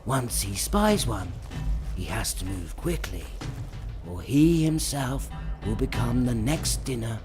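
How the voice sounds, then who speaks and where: A man voicing a wildlife documentary narrator with a hushed, measured delivery. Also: mid-range voice, very animated. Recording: narration over music.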